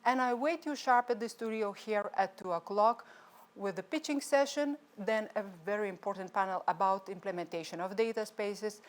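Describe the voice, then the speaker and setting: Speaking at a moderate pace in a mid-range voice, this conference host chats her way through a live-streamed event from a studio. She is from Lithuania, speaks English as a second language with a Lithuanian accent, and makes a few restarts.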